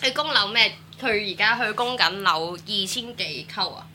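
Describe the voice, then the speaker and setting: A woman's voice: medium pitch, lively intonation, normal speed, bright, forceful tone, a little hiss or hum. A woman with a Hong Kong Cantonese accent, bantering casually and throwing out teasing questions.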